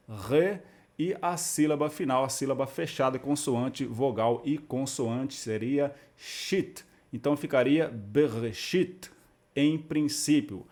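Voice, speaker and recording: A man giving a video lesson, explaining step by step with patient, methodical delivery and slowly spelling out syllables. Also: medium pitch, a little mellow. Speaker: Biblical Hebrew teacher.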